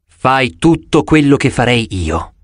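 Male reader doing a stern goddess, slow firm delivery, lower and deliberate, dry close sound. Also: very animated, dry recording. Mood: commanding. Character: stern commanding female moon goddess.

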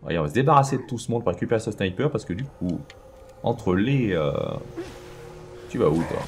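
A man's voice: lowish voice, expressive, brisk, soft background music. A man hosting a let's play, chatting casually and thinking aloud with lots of fillers as he plays. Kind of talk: casual gameplay commentary.

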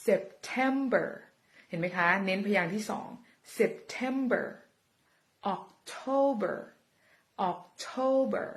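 A woman teaching English words, saying each one slowly and repeating it for learners to copy. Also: medium pitch, a bit bright. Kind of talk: slow pronunciation lesson.

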